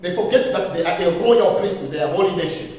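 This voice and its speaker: A man's voice: high-pitched, fast talker, darkish tone. A man preaching a sermon as a pastor. He speaks emphatically, repeats phrases for emphasis and throws questions back to the congregation. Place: church hall. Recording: echoey hall, voice from far off.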